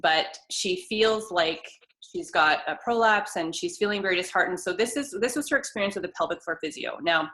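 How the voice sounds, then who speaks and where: A woman's voice: on the low side, fairly quick, fairly bright tone, rough recording. A woman co-hosting a casual video call, telling a long story with many restarts. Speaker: co-host, fitness trainer.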